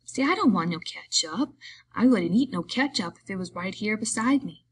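A woman's voice: mid-range voice, animated, moderate pace, slightly rough, pitched above the performer's own voice. A woman voicing a simple-minded, childlike grown man who speaks in a plaintive, pleading rural way.

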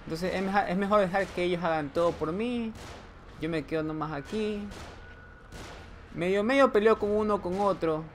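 A man giving joking running commentary while playing a horror game. He teases the character on screen and now and then lets out a sudden yell. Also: high voice, moderate pace, slight background noise. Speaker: gameplay commentator. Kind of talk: let's play commentary.

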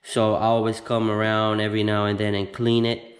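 A man in his thirties hosting a casual how-to video in a home garage, explaining each step slowly with plenty of ums and restarts. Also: lowish voice, monotone. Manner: slow, halting step-by-step explaining with many fillers. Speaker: host of a how-to channel. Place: home garage with door open.

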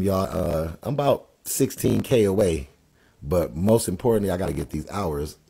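A man's voice: sits low, gravelly, mellow, slightly rough. A man hosting a casual Bible talk on a phone live stream, chatting loosely with viewers and greeting them by name. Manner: slows down to read scripture aloud. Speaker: livestream host and gospel rapper.

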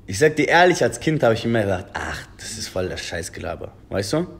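Fairly low-pitched and brisk, with big swings in pitch, this man is a German rapper in his twenties. He talks earnestly on a phone video call from a table indoors, calling the interviewer "Bruder" again and again in casual conversation.

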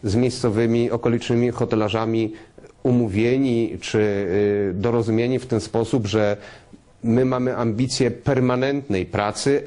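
A man answering in an unscripted TV interview as a business executive, halting and promotional, speaking directly to viewers. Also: medium pitch, darkish tone. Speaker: interview guest, trade fair business executive.

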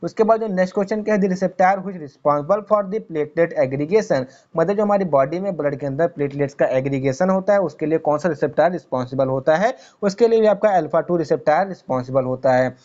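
A man with a fairly high, mellow voice teaches pharmacy exam questions. He reads the question slowly, then explains it fast, asking himself questions as he goes. The sound is a little dull and lo-fi. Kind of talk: exam-prep lecture explaining multiple-choice answers.

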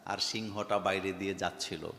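A man voicing a clever male fox in a fable, feigning confusion with polite flattery. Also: sits low, moderate pace, creaky, echoey room, long reverb tail, pitched below the performer's own voice, heavily acted. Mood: sly. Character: sly clever male fox, mock-innocent.

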